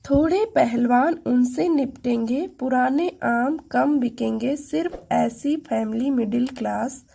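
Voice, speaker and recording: A woman teaching chemistry mnemonics, reciting the tricks slowly syllable by syllable and speaking to viewers as friends. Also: high voice, gravelly, dark tone, breathy edge. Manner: slow, syllable-by-syllable recitation for memorizing.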